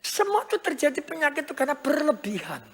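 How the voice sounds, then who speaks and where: A woman's voice: sits high, wildly swooping pitch, quick pace. Emphatic woman preacher. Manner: emphatic, repetitive, with rhetorical questions. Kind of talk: sermon. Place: large church hall. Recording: church hall reverb.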